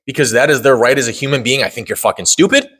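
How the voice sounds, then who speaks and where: A man's voice: medium pitch, quick pace, fairly bright tone, breathy edge. A man co-hosting a podcast in a casual debate chat, blunt and emphatic, swearing for emphasis. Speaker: podcast co-host.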